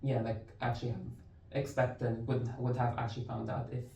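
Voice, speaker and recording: A young man from Lebanon chats easily as a podcast guest, peppering his thoughts with "like". His voice sounds mellow and a little dark. It is picked up from some distance in a room with noticeable echo. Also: mid-range voice, monotone, moderate pace, vocal fry, lo-fi sound. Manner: easygoing, fills speech with "like" and "it's like". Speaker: university instructor, podcast guest. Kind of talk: casual interview conversation. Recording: roomy, distant mic.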